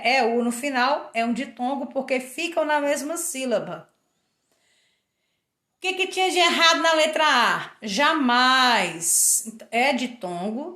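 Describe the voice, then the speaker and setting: A woman's voice: high voice, sharp tone. A woman with a Brazilian Portuguese accent, a teacher going over exercises for her class and spelling out letters and sounds one word at a time. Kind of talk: recorded class review. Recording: echoey room.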